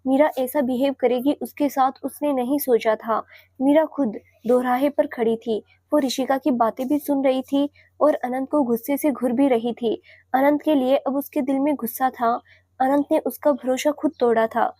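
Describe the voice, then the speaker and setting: High, mellow woman narrator for an emotional audio story, dramatic and steady. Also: normal speed.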